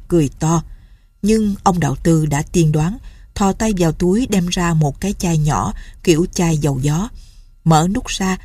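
A woman reading a village folk story aloud in a steady, measured way. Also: sits low, breathy edge, no echo. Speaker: narrator. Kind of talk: storytelling narration.

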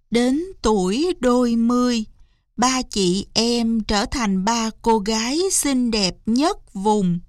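A woman narrating a fairy tale in a slow, gentle storytelling manner. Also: on the high side, no room sound, studio quality.

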